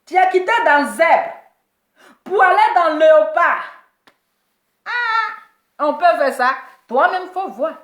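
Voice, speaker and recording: High-voiced teasing woman, echoey room. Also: sing-song, slow, long pauses, fairly bright tone. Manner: teasing, repeats her punchlines, laughs often. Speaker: online gossip commentator. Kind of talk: mocking celebrity commentary.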